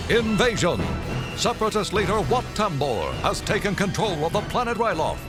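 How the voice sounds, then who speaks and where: An old wartime newsreel announcer for a cartoon, proclaiming news of war in a high, swooping, urgent voice. He sounds set back from the mic, and a loud orchestral score nearly swamps him. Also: very animated, normal speed. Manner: urgent, declaiming announcer delivery. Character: bold wartime newsreel announcer, adult man. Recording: distant voice over loud dramatic music. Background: loud orchestral music.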